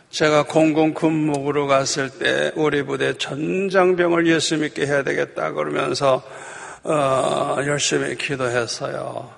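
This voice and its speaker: A male pastor preaching a passionate sermon, swinging between loud emphatic bursts and soft asides and prodding the congregation with quick questions. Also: a little high, vocal fry. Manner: prods the congregation with tag questions. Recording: long hall reverb of a church.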